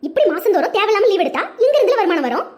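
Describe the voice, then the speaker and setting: Cartoon nag: a woman playing an older mother-in-law with a Tirunelveli Tamil accent, very high and quick, bossy. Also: very animated. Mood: scolding. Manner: scolding, bossy. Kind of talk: cartoon voice acting.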